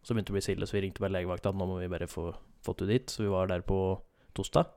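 A man's voice: sits low, flat delivery, creaky, darkish tone. A young man telling a long story in casual chat, rambling with many fillers and self-corrections.

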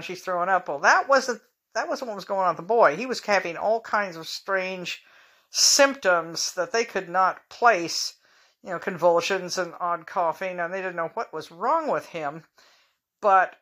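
Female podcast host, solo, bright forceful tone, frank and rambling. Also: on the low side. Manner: rambling, frank, chatty asides. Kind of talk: casual monologue.

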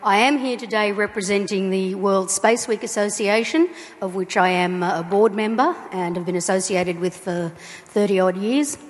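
A woman speaking on a conference panel, relaxed and matter-of-fact. Her voice is at a middle pitch. A large hall adds long reverb around her. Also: normal speed. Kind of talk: panel discussion.

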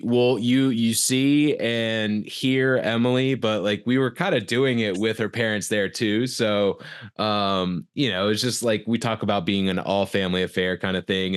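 A man's voice: fairly low pitch, unhurried, clean tone. A man co-hosting a casual podcast, talking in a rambling, upbeat way with lots of fillers. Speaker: podcast co-host. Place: Atlanta.

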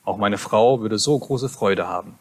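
A man's voice: on the low side, measured pace. A man reading aloud and voicing an overly polite, apologetic male shopkeeper from Paris in a raised, fuller voice. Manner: fussy, profusely apologetic.

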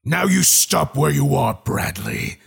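A man's voice: medium pitch, very animated, takes it slowly, breathy edge, exaggerated voice. A man reading a horror story, voicing a sly, menacing rabbit-like monster with steel teeth in a taunting, mock-friendly, sing-song way with an uncanny, strained timbre. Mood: commanding.

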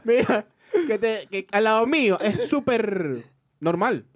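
A man's voice: high voice, animated, takes it slowly. A Venezuelan man with a Venezuelan accent, co-hosting a podcast and asking teasing questions. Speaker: podcast co-host. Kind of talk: casual chat.

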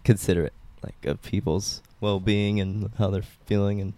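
A man's voice: fairly low pitch, level tone, moderate pace, mellow, no room sound. A man co-hosting a casual group podcast, talking in a laid-back, drawling way and often laughing. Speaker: podcast co-host.

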